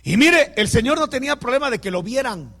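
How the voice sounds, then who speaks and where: A man's voice: extremely high pitch, expressive, a little fast, vocal fry, fairly bright tone, long reverb tail. A man preaching a sermon who speaks straight to the congregation and tells stories with quoted dialogue.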